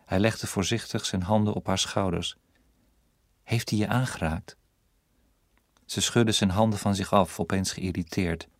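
A man narrates an audiobook in a measured, even storytelling manner. His voice is very low and deep. The recording is close and dry, with no room sound. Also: no echo.

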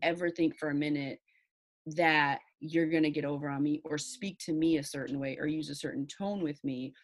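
A woman with a low voice talks in a casual podcast conversation. She sounds assertive and self-assured, stressing her points firmly. Her tone stays confident throughout. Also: fairly even intonation, moderate pace. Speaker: podcast co-host.

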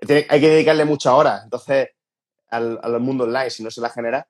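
A man's voice: medium pitch, a little fast. A man from Andalusia with an Andalusian accent, a podcast guest talking casually and informally, stumbling now and then. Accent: Andalusian Spanish. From Andalusia, Spain. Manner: relaxed, informal, stumbles at times.

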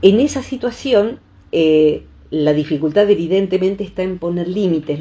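Woman psychologist, low and mellow, calling in over a muffled line. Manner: reflective, uses images and examples. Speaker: psychologist guest. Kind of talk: calm explanatory radio talk.

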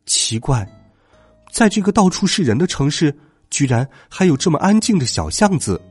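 A man narrating a children's bedtime story in an expressive, dramatic way. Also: fairly high pitch, moderate pace, husky, dry recording, soft background music.

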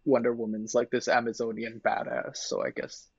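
A man co-hosting a casual podcast, talking in an animated way with many fillers and laughing. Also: mid-range voice, normal speed, vocal fry, husky, no room sound, highs cut off. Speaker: podcast co-host. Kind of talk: casual chat.

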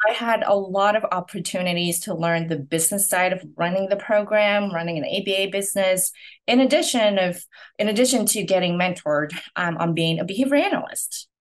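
Earnest woman from Hong Kong. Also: mid-range voice. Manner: steady, earnest storytelling with frequent "um" pauses. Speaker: podcast guest, clinic owner. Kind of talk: conversational interview answers.

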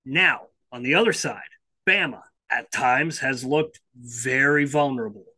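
Guy on a sports pod, calm, walks through his take step by step. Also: medium pitch. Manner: measured, keeps repeating "here's my thing". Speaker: podcast co-host. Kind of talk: casual sports chat.

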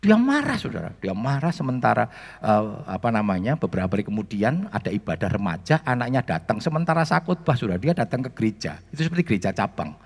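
A man preaching a storytelling sermon, animated and constantly addressing the congregation. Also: fairly low pitch, quick pace, husky. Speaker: pastor. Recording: reverberant church hall.

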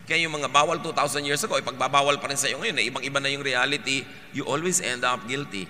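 Man, preacher, sermon, Tagalog-English mix, very lively pitch, faint background noise. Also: big-room sound. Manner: animated, switching between Tagalog and English, rising to forceful emphasis.

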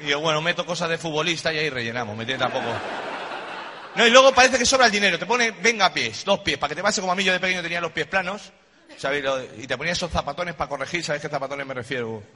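A man's voice: a little high, animated, fast talker, a little hiss or hum. A middle-aged man doing a stand-up comedy monologue on a live stage, talking in slang and bantering with the audience. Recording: live show with loud crowd laughter.

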